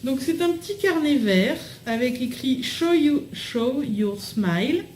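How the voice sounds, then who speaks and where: A woman's voice: high-pitched, expressive, slow, a little mellow, reverberant, a little hiss or hum, poor audio. A young woman chatting casually to camera as she unboxes a package at home, bubbly and full of fillers. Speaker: vlogger unboxing a swap package.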